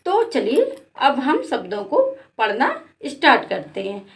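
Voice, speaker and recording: A woman's voice: on the high side, big pitch swings, a little slow. A woman with a Hindi accent teaching children to read syllables, repeating each sound and asking it back. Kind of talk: slow classroom lesson with call-and-response drilling.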